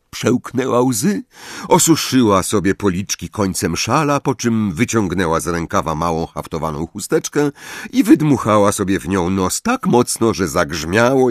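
A man narrating a novel as an audiobook, expressive, and acting out all the characters himself. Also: deep voice, no echo, studio quality.

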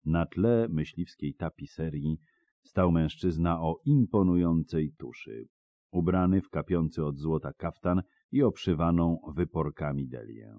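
A male audiobook narrator with a very deep voice. He reads in a steady, measured storytelling style. The recording is dry and a little muffled. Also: no room sound. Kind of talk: scripted narration.

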